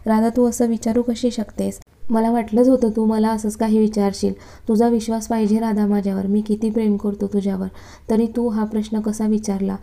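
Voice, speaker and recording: A hot-tempered young businessman from a storybook love story, curt and commanding, read by a woman narrator. The tone is dark and soft-edged. The delivery stays flat and level. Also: on the high side, a little fast, lightly acted. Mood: angry. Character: stern young male businessman, short-tempered. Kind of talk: storybook reading.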